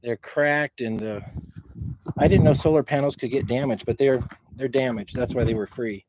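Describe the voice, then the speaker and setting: A man walking around outdoors on his property, casually showing things off to a handheld camera in a halting, rambling way that keeps repeating words. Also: medium pitch, darkish tone, rough recording. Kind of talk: casual rambling show-and-tell. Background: faint wind noise.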